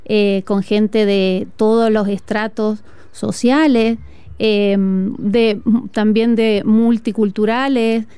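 A woman with a northern Argentine accent speaks as a guest music teacher, earnest and reflective, with a few thoughtful fillers. Her voice is warm and mellow, smooth and resonant. She talks outdoors in a school patio. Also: mid-range voice, little pitch movement, slow, dry recording. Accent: northern Argentine Spanish. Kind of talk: conversational interview.

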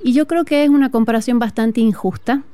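A woman from northern Argentina with a northern Argentine accent, a music teacher speaking earnestly and reflectively as an interview guest, often pausing on fillers. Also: a little high, dark tone, no echo. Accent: northern Argentine Spanish. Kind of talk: conversational interview. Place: school patio, outdoors.

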